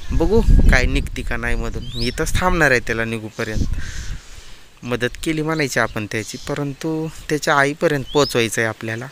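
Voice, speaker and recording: A man's voice: medium pitch, noisy background. A man chatting casually to viewers as he films around his farm, pointing things out as he goes. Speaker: village vlogger. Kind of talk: casual vlog narration. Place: outdoors on a farm.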